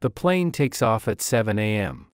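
A man reading short English practice sentences aloud in a deliberate, expressive way. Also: fairly low pitch, smooth, dry recording, studio quality.

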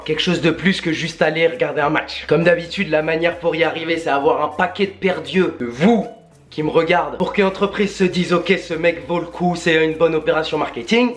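Upbeat young French guy vlogging. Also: on the high side. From France. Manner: lively storytelling, animated asides. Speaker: sports vlogger. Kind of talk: casual vlog narration.

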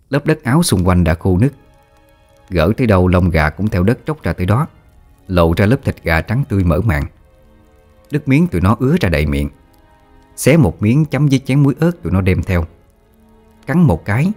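A man narrating an audio ghost story in a vivid, steady storytelling manner. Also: sits low. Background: faint music.

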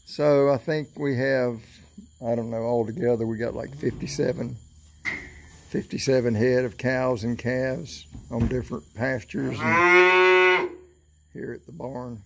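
With a gravelly, mid-range, fairly bright voice, a middle-aged Florida man walks through an open barn at night, counting his calves aloud as he shoots a casual vlog on a handheld phone camera. He's a cattle seller who talks in a slow, unhurried country way with fillers, and the outdoor barn recording is noisy.

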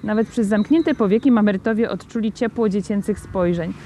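A woman reads a novel aloud at a middle pitch, telling the story in a lively, expressive way. A faint noise sits quietly behind her voice. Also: fairly quick. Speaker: reader.

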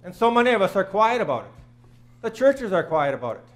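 A man's voice: high-pitched, very animated, fast talker. A man in his fifties preaching a sermon in a small church, earnest and plain-spoken, repeating phrases for emphasis. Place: small church sanctuary, in front of the altar.

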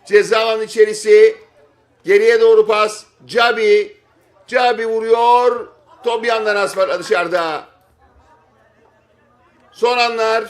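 A man giving excited football play-by-play in clipped short phrases, shouting and stretching out his calls at big moments. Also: high voice, slow pace, pauses often. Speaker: football match commentator. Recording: stadium crowd noise behind voice. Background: football crowd.

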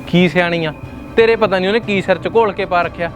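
A man's voice: sits high, over music, close to an everyday voice. A man playing an angry young husband who argues hotly with his mother. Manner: heated, rapid, indignant. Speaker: son arguing with his mother. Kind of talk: web series drama acting.

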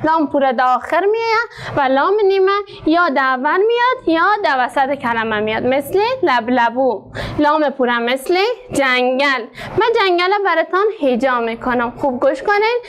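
A woman teacher with an Afghan Dari accent, slowly sounding out words for her pupils and then quickly asking them questions. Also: high voice, big pitch swings, a bit bright, slight background noise. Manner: slow syllable-by-syllable drilling, quick questions to pupils. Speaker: literacy teacher. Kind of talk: classroom lesson.

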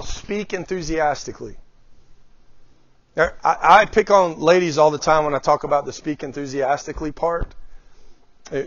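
A middle-aged man delivers a motivational leadership talk to a small live group, often throwing questions at them. His voice sits a bit higher than most men's, on a dry, dull lo-fi recording with no room sound. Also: dry recording. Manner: lively, questions the audience often. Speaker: guest speaker.

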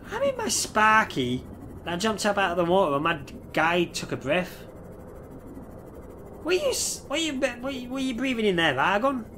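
Over a headset, a gameplay streamer in his thirties keeps up casual commentary, his high, sharp voice nasal from a head cold and stuffy nose. A little hiss or hum sits under the recording while he curses at the on-screen creatures.

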